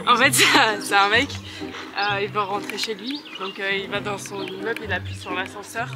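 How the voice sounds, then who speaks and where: A woman vlogging in casual chat with friends, playful, loud and quick to joke. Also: mid-range voice, loud music behind the voice.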